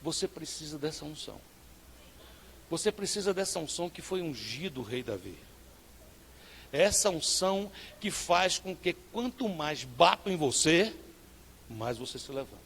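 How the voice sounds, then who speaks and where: A male pastor with a Northeastern Brazilian accent, preaching a sermon with rhetorical questions and sudden loud bursts. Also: a little high, sing-song, normal speed, a little hiss or hum. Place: church service.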